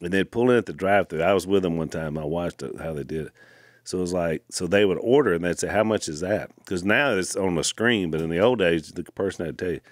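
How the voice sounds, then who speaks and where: A middle-aged man with a lowish voice co-hosts a podcast, telling stories in a casual, chatty way, animated and full of quick asides. He's in a wood-paneled studio room, wearing headphones and speaking into a studio mic on a boom arm, and the recording is close and dry.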